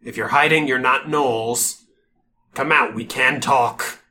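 Man voicing a gruff, wary orc sentry. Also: lowish voice, fairly even intonation, a little slow, sharp tone, a little hiss or hum, voice pushed down. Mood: cautious. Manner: guarded, terse, plain-spoken. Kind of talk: tabletop role-play.

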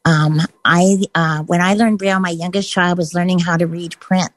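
Earnest woman caller, low voice. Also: steady tone, moderate pace, dry recording. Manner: earnest, encouraging. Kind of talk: call-in radio chat.

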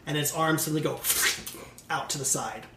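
A man narrating a tabletop role-playing game as game master, in a relaxed, halting way with many fillers. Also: a little high, roomy sound, recorded from a distance, noisy background.

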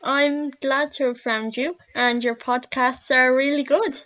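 A woman's voice: high-pitched, fairly even intonation, measured pace, fairly bright tone, dry recording, lo-fi sound. A woman with a west of Ireland accent, a podcast guest giving informal explanations in an interview.

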